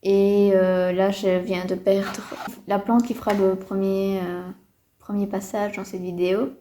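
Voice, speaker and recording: Woman, home vlogger, chatty and hesitant, warm low-key timbre, echoey room. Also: level tone, a little slow. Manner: chatty, hesitant with many fillers, mildly disappointed. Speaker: houseplant vlogger. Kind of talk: casual chat to camera. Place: indoors at home. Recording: roomy echo.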